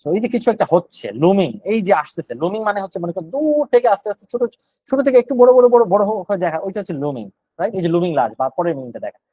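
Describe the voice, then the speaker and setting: A man's voice: sits high, very animated, very fast, hardly any pauses, darkish tone, breathy edge, no room sound, low-quality recording. A man with a Bangladeshi accent teaching GRE vocabulary online, explaining words one at a time and thinking aloud.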